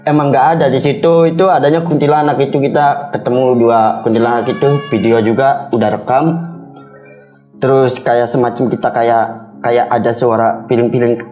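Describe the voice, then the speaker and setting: A man's voice: medium pitch, fairly even intonation, moderate pace, a little mellow. A young man recounts an experience casually, in a rambling, repetitive, colloquial way, slipping into quoted dialogue. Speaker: guest recounting a ghost experience. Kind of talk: casual spoken storytelling. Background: background music.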